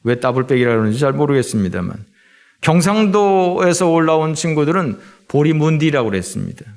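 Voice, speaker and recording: A middle-aged man from Seoul preaching a Sunday sermon as pastor in a church, pausing often with filler sounds. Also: a little high, sing-song, darkish tone. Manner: frequent filler sounds and drawn-out hesitations. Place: church sanctuary.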